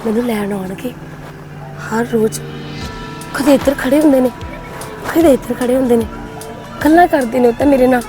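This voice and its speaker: A woman acting as a grieving young widowed sister, soft, pleading and tearful, in a short film drama. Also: on the high side, fairly quick, pauses often, music in the background, lightly acted. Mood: denying, insistent. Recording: echoey room with long reverb.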